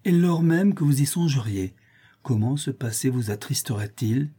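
A man reading an audiobook, voicing a gentle noblewoman who persuades with soothing words. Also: medium pitch, lively intonation, normal speed, slightly rough. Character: gentle, comforting noblewoman stepmother.

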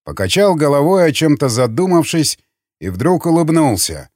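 A man narrating an audiobook in an expressive reading voice. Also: fairly high pitch, normal speed, no echo, clean studio sound. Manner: expressive, voices many characters.

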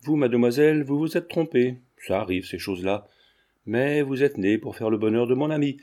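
A man's voice: mid-range voice, moderate pace, dark tone, natural voice. A man voicing a breezy, jocular young man who jokes offhand with his friends.

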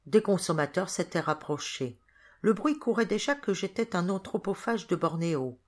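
A woman reading a first-person novel aloud as a volunteer audiobook narrator, with expressive storytelling. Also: on the low side, moderate pace. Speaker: audiobook reader. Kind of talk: scripted narration.

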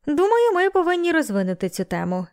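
A woman's voice: very high voice, sing-song, fairly quick, darkish tone, pitched above the performer's own voice, exaggerated voice. Audiobook figure: cheerful young man teasing his friend, voiced by a woman narrator, light touch. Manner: playful teasing.

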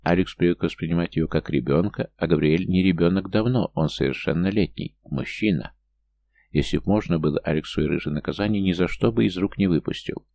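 Deep gravelly male audiobook narrator. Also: a little fast, a little mellow. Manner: reads every character's lines himself, lifting his pitch for younger or smaller figures. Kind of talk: scripted fantasy narration.

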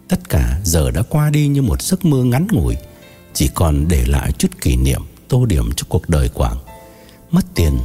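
A man narrating an audiobook in an expressive, dramatic storytelling manner. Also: lowish voice.

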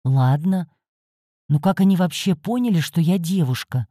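A woman's voice: fairly low pitch, moderate pace, warm tone, breathy edge, no room sound, studio quality. A woman voicing a frightened young woman student who whispers anxiously.

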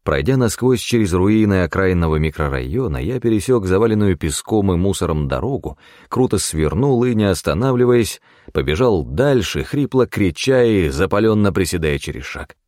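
A man narrating a first-person audiobook in a measured, expressive reading. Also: sits low, dry recording, clean studio sound.

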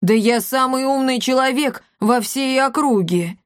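A woman's voice: high voice, measured pace, no room sound, pitched above the performer's own voice. A lazy, boastful man grumbles and protests indignantly, as a woman reader puts him on. It sounds like a storybook reading with a dry, close voice. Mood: grumpy.

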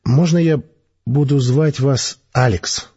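A man's voice: mid-range voice, dark tone, slightly rough, voice pushed up. Brief: timid, adoring young woman, dazed and breathless, put on by a male narrator, raised voice, muffled audiobook sound. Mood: meek. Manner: halting, breathless, girlish.

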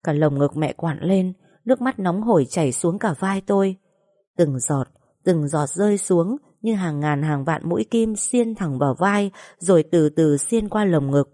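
Low-voiced woman narrating somberly. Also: animated, warm tone, dry recording, studio quality. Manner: somber, measured storytelling. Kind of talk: scripted audiobook narration.

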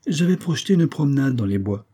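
A man's voice: mid-range voice, very animated, fast, warm tone, husky, pitched above the performer's own voice. A man voicing a proud, impulsive young woman in a storybook reading, speaking curtly and haughtily. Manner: curt, haughty.

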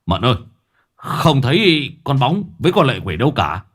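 A man's voice: mid-range voice, very animated, normal speed, fairly bright tone. A man voicing an old sorcerer who reports alarmingly on traces of a magic duel. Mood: alarmed. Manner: agitated, alarmed. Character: crazed old male sorcerer, shouting.

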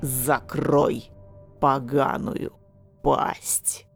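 A woman voicing a young man possessed by darkness, speaking in a slow menacing growl. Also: a bass voice, flat delivery, gravelly, soft background music, pitched below the performer's own voice, full character voice. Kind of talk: audiobook character voice.

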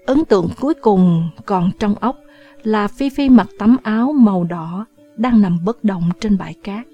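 A woman's voice: mid-range voice, warm tone, slightly rough, dull audio. Woman narrating an audiobook over faint music. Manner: measured storytelling.

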